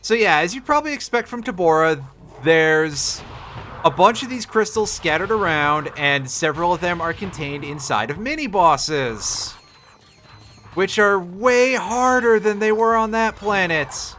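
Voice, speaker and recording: A man with a bright, forceful voice commentates casually on a video game over music. His delivery is animated and sardonic, like a streamer grumbling to viewers. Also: sits high, unhurried. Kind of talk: casual live gameplay commentary.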